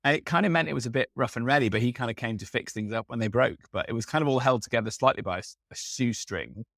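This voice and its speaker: A man's voice: medium pitch, quick pace, a bit bright, no room sound, studio quality. A man in his thirties co-hosting a podcast, chatting casually and rambling with lots of fillers and restarts. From England. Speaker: podcast co-host.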